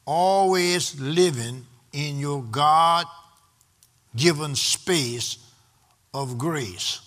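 A man's voice: on the high side, extremely slow, fairly bright tone. A man preaching a sermon, in rhythmic repeated refrains that build in intensity. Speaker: pastor.

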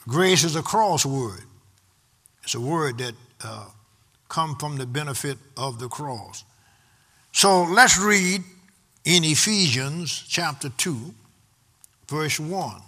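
A man's voice: a little high, animated, takes it slowly, pauses often, sharp tone. A man preaching a sermon, in rhythmic repeated refrains that build in intensity. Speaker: pastor.

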